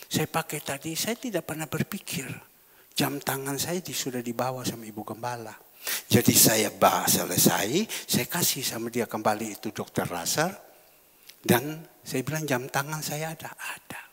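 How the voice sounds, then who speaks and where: A man preaching a sermon as pastor, swinging from loud exhortation to hushed, whispery storytelling, with a gravelly voice. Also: mid-range voice, moderate pace. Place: large church hall. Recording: church hall reverb.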